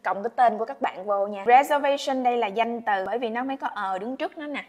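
A woman teaching travel English phrases in Vietnamese, slowing down carefully to model each English phrase. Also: fairly high pitch, a little mellow. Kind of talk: Vietnamese-language English lesson.

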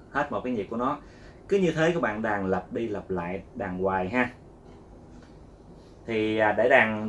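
A man's voice: on the low side, a little hiss or hum. A man teaching a casual guitar lesson, patiently repeating steps and calling out each strum with sound words. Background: guitar playing.

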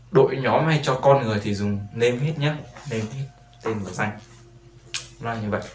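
A man teaching a beginner English lesson, patiently repeating each word and often checking with "right?". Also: mid-range voice. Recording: roomy echo with faint background noise.

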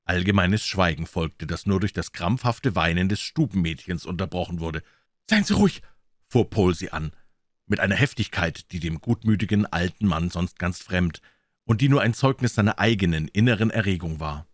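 A man reading a classic novel aloud as an audiobook narrator, in an expressive, dramatic way. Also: sits low, normal speed, no room sound, clean studio sound.

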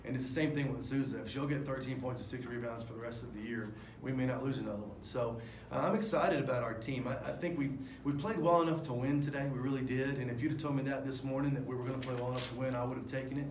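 A man's voice: mid-range voice, steady tone, quick pace, hardly any pauses. A man in his forties, a head basketball coach at a postgame press conference, talking candidly and rambling through fillers and restarts into table microphones. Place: press room in front of a sponsor backdrop. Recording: echoey room with faint noise.

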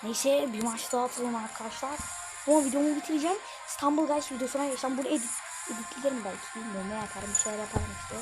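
A woman commenting live on her own football game, exasperated and often yelling at the screen. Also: fairly high pitch, rapid-fire. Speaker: gaming YouTuber. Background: game music and sounds.

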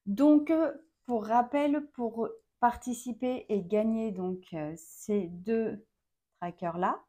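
A mother of four in her thirties hosts a casual vlog, talking to the camera slowly and deliberately with frequent hesitations. Her voice is fairly high but dark in tone.

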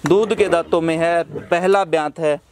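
Brisk man hosting a farm tour. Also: on the high side, fairly even intonation, a crowd in the background. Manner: brisk, repeats each answer back to viewers. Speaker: channel host touring a dairy farm. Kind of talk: on-site walkthrough interview. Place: outdoor buffalo farmyard.

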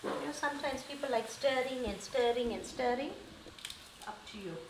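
In her home kitchen, a middle-aged woman with a South African Indian English accent hosts a casual cooking demo, talking chattily and reassuringly as she cooks. Her voice is high and her speed normal. Frying sizzles in the background of the echoey room.

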